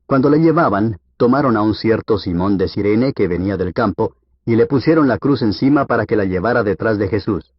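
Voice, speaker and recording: Husky low-voiced man reading scripture. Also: expressive, fairly quick, dry recording. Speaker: Bible reader. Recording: dull, lo-fi dry recording.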